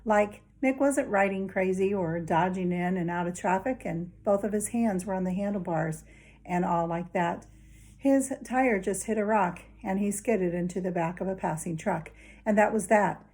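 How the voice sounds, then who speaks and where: With a mid-range, darkish voice at normal speed, a woman reads a children's novel aloud, chatting directly to young listeners in a friendly first-person storytelling style.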